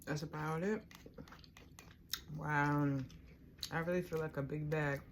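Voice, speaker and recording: Low-voiced American woman in mukbang chitchat. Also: fairly even intonation, slight background noise. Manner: unhurried, colloquial, talking to viewers between bites. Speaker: mukbang host. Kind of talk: casual mukbang chitchat while eating.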